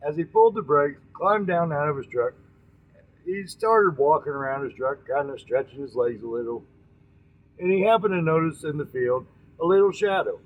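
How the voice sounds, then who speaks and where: A man hosts an informal storytelling session, talking directly to his listeners in a folksy, halting way and often repeating or correcting himself. His voice is a little high and narrow, and the audio sounds tinny.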